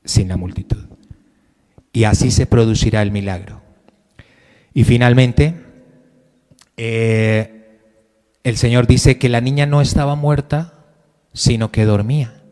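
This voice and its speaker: A man's voice: medium pitch, steady tone, measured pace, pauses often. Preaching man in an echoing church. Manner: preaching with sudden rises and drops in loudness, direct questions to the congregation. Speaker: pastor. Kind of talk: Sunday sermon. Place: church hall.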